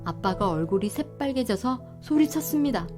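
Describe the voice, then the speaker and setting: A woman reads a children's storybook aloud in a gentle, measured way. Her voice sits a little higher than most. Soft music plays faintly behind her. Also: expressive. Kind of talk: storybook reading.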